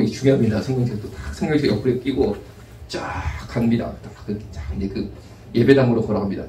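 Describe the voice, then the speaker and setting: A man, a pastor, preaching a sermon told as a lively anecdote. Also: mid-range voice, a little hiss or hum. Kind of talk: storytelling sermon. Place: church sanctuary. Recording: echoey room, mic from a distance.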